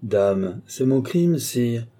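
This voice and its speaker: A man voicing a proud, sharp-tongued woman, a royal favourite, who speaks in a haughty, mocking way. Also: medium pitch, lively intonation, very slow.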